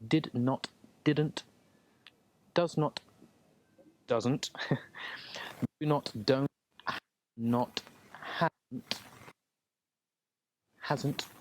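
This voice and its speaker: A man teaching English from a textbook, calmly explaining and repeating words so learners can practice pronunciation. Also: mid-range voice, drawn-out words, long pauses, a little hiss or hum.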